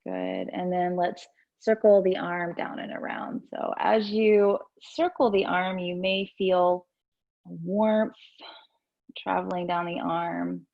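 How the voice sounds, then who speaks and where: Leading gentle breath work and movement, a woman yoga teacher keeps her pace calm and soothing, pausing between cues. Her voice is lowish and the recording muffled.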